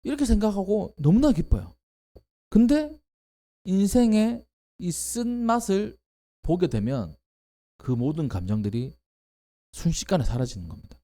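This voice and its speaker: A male pastor delivering a sermon in an expressive, emphatic way, often rising into exclamations. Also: sits high, measured pace, long pauses.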